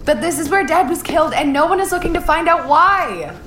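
A woman's voice: very high-pitched, animated, fairly quick, fairly bright tone, a little hiss or hum. A woman playing a determined, defiant young daughter in an audio drama.

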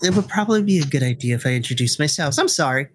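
A man voicing an excitable ten-year-old girl who chatters eagerly and asks lots of questions. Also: fairly high pitch, racing, slight background noise, close to an everyday voice.

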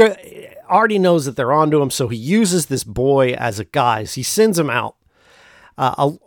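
A man giving a casual, rambling recap as a show host, often pausing mid-phrase as he goes. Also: mid-range voice, no room sound, clean studio sound. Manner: halting, rambling delivery with pauses mid-phrase. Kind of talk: casual film plot recap.

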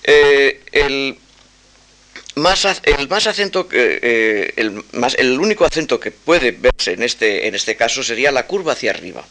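A man lectures on his own opera with a bright, clear-edged voice. He talks at a medium pitch, weighing each phrase analytically. Small hesitant fillers break up his explanations. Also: big pitch swings. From Spain. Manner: measured and thoughtful, hesitant fillers between phrases.

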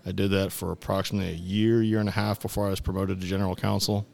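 Casting: middle-aged male interview guest, attorney type, lowish gravelly voice, conversational delivery. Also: flat delivery, racing, darkish tone.

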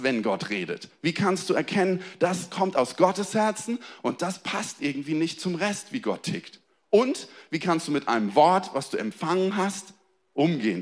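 Young male preacher, lively sermon delivery, drops low and soft then rises with excitement, speaks straight to the congregation. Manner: dynamic, swings between soft low emphasis and raised excited lines; addresses the congregation directly, calls for amen and applause. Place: church hall before a congregation.

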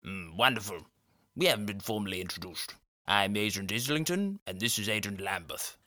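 An actor playing a pompous, genteel secret agent in a theatrical, hammy stage manner, in a scripted comic audio drama. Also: male voice, on the low side, expressive, fairly quick, sharp tone, dry recording, clean studio sound. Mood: suave, formal.

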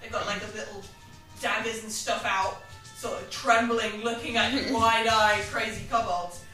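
A woman running a tabletop game as game master, improvising descriptions in a halting way. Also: medium pitch, fairly even intonation, sharp tone. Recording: very echoey room, distant mic, music.

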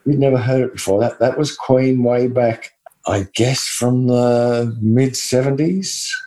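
A man's voice: mid-range voice, measured pace, mellow. A man with a West Texas accent and twang, co-hosting a podcast and talking business in an earnest, emphatic, conversational way. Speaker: podcast co-host. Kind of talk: conversational business advice talk.

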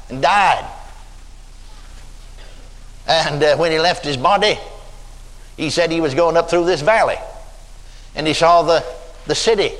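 A man's voice: a little high, fairly bright tone. An older man with a Texan accent preaching a sermon, telling stories dramatically and drawing out emphatic words. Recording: long reverb of a church hall.

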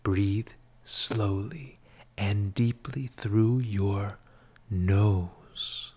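A man leading a guided meditation in a soft, breathy, half-whispered spa voice, soothing and measured, with long pauses between short phrases. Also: lowish voice.

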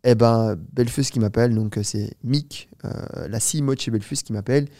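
A man in his twenties, a startup founder appearing as a guest in a casual interview, tells a long story quickly and with lots of animation. His medium-pitched voice is recorded with no echo, and he fills his speech with hesitations and repeated "tu vois" ("you see").

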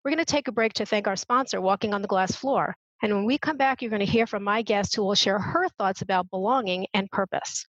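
A woman's voice: medium pitch, brisk, hardly any pauses, no room sound, lo-fi sound. A woman hosting a radio interview show in an upbeat way, reading her introductions with care.

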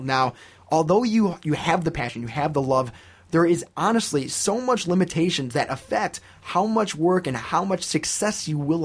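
A man's voice: fairly high pitch, slightly rough. A man hosting a sports radio talk show from the studio, asking long, rambling questions.

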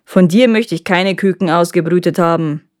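A woman voicing a shrewd, impatient peasant wife who scolds and gives sharp commands in a storybook reading. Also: fairly low pitch, normal speed, no room sound, clean studio sound, lightly acted. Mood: scolding.

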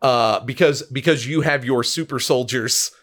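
A man's voice: mid-range voice, normal speed, over a noisy crowd. A man in his thirties co-hosting a podcast, explaining comic lore with enthusiasm and casual swearing. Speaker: podcast co-host. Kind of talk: casual chat about comics.

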